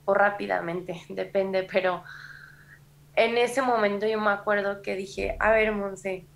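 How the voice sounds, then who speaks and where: A woman's voice: mid-range voice, flat delivery, a little slow, creaky. A woman with a Mexican accent, a podcast guest telling a personal story in a candid, confessional way, with frequent fillers. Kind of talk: personal testimony in casual conversation.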